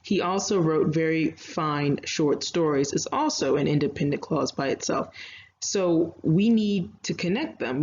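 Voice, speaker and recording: A woman's voice: low voice, darkish tone. A woman teacher giving an online writing lecture, explaining grammar step by step with chatty asides and fillers. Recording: slightly dull lo-fi audio, faint noise.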